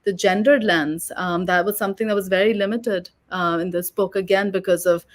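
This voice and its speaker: A woman author and oral historian answering interview questions in a measured, reflective way, slightly hoarse and pausing with fillers. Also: medium pitch, fairly even intonation. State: losing her voice.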